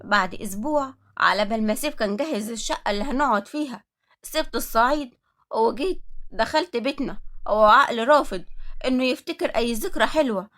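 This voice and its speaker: A woman's voice: on the high side, a little fast, a bit bright. A woman with an Egyptian Arabic accent narrating a dramatic story in the first person.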